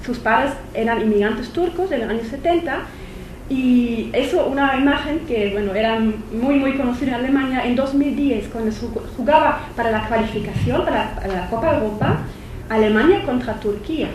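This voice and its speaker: At normal speed and with a fairly high, darkish-toned voice, a visiting lecturer delivers an academic conference lecture at a university. She has a German accent, speaks as a non-native, and sounds hesitant, restarting often and using lots of fillers; the hall echoes and there's faint noise.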